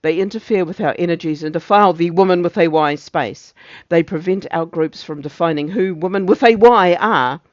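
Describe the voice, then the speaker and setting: A man's voice: sits high, moderate pace, hardly any pauses, no echo, lo-fi sound, close to an everyday voice. A man playing a pompous, zealous morality officer, declaiming a satirical monologue in preachy, emphatic speeches. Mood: indignant zeal.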